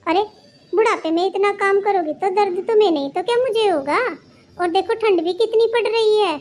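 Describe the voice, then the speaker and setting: A woman's voice: extremely high pitch, a little fast, a little mellow. A woman voicing a caring older sister-in-law who lectures her relative with advice. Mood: advising. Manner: advising, lecturing tone.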